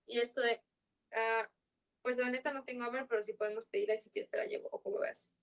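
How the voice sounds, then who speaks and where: A young woman in her twenties from Yucatán, Mexico, speaks with a strong Yucatán Mexican Spanish accent, her voice a little high and steady and her delivery fast. She's a podcast guest in casual conversation, rambling freely and sprinkling in slang and fillers.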